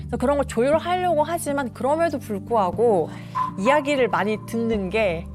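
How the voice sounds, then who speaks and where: A woman working as a divorce lawyer, telling case stories on a talk panel in an animated way and acting out the voices of the people in them. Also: a little high, moderate pace, over music. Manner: animated, acts out quoted voices.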